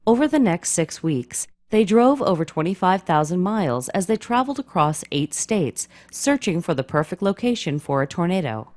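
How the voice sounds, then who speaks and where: A woman's voice: on the low side, sing-song, moderate pace, hardly any pauses, a little mellow. A woman reading scripted documentary narration.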